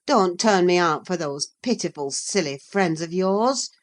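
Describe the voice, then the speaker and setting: A resentful young man speaks bluntly and won't budge, low and slow. A woman reader voices him in a storybook reading. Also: animated. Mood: stubborn. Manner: blunt and stubborn.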